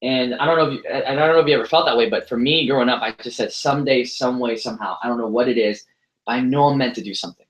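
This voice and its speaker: Very fast and mid-range in pitch, a young American man in his 20s gives a motivational speech to an audience, filling it with jokes and self-deprecating storytelling. The room sound is echoey.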